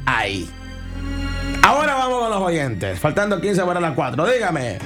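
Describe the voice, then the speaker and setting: A Nicaraguan male radio host with a slightly raised voice talks over music on the air. He teases his co-host and callers with quick, playful banter. The tone stays loose and joking. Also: high-pitched, big pitch swings. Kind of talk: joking radio chat taking listener calls.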